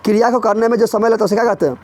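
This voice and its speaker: High-voiced teacher drilling a class. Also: male voice, fairly even intonation, darkish tone. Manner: drills students with repeated quick questions. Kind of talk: classroom grammar revision lesson.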